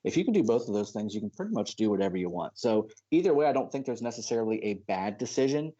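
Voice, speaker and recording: A man's voice: lowish voice, sing-song, fast talker, mellow, lo-fi sound. A man casting an esports match with chatty, analytical commentary. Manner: chatty, analytical, laughs easily. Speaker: esports caster.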